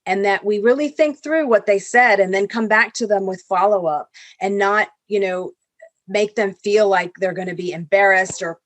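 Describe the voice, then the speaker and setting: Woman from Venezuela, corporate executive, earnest, explanatory, video call, medium pitch, dry sound. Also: normal speed, no echo. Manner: earnest and explanatory, with small restarts. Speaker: corporate executive, panel guest. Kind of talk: panel discussion.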